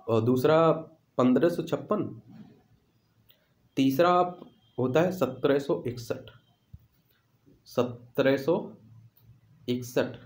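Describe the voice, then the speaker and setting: Going over exam questions as a teacher would, a man repeats each question and answer to drive them home. His mid-range voice has a darkish tone, set in echoey room acoustics.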